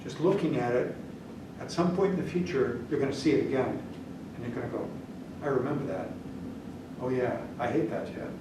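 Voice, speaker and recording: A little fast and mid-range in pitch, this older man, a native German speaker, gives a statistics lecture at the whiteboard. He's blunt and relaxed, often pausing to check on the class. The recording, made by a camera at the back of the room, is distant, echoey, and noisy.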